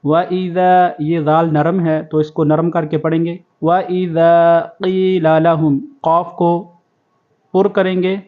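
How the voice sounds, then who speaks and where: A man with a high voice leads a Quran recitation lesson. He chants each verse slowly and stretches it out, then switches to fast, plain explanations. The recording sounds dull and lo-fi. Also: little pitch movement. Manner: slow drawn-out recitation, then quick spoken explanations. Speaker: Quran teacher.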